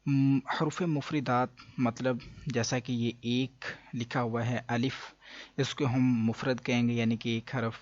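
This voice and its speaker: A man with a Pakistani Urdu accent teaching Quran reading, explaining patiently and drawing letters out slowly, with many hesitations. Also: medium pitch, little pitch movement, dry recording, lo-fi sound. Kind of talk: explanatory lesson.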